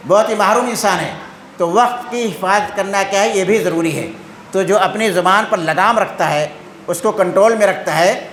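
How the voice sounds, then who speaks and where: A man with a high-pitched voice gives a religious lesson. He keeps asking questions and then answers them himself. The room echoes, with a faint background hiss. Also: fairly bright tone. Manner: constantly asks questions and answers them himself, tagging "hain?". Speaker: Islamic teacher. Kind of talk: religious lesson quizzing listeners.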